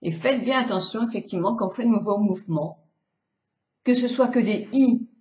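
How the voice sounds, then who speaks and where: A woman in her sixties from France talks viewers through facial exercises in a chatty, hands-on way, drawing out each vowel sound. Her voice sits at an ordinary middle pitch. The sound is roomy and a little dull, like a home video. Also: moderate pace, darkish tone. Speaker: beautician. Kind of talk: casual face-exercise tutorial.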